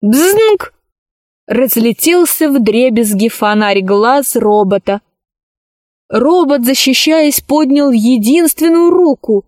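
A woman reading a children's science fiction story aloud, slowly and expressively. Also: on the high side, no room sound, clean studio sound. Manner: slow, deliberate, expressive. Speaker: narrator.

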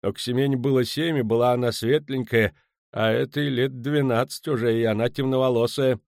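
A man voicing a frightened, pleading merchant who turns shrill and high-strung. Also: steady tone, a little fast, vocal fry, a little mellow, no echo, clean studio sound, natural voice. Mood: sheepish.

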